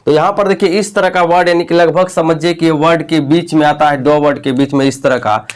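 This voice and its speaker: A man's voice: on the high side, steady tone, brisk. A man teaching English spelling and pronunciation to learners, repeating words and spelling them out letter by letter. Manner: addresses viewers directly with frequent "okay".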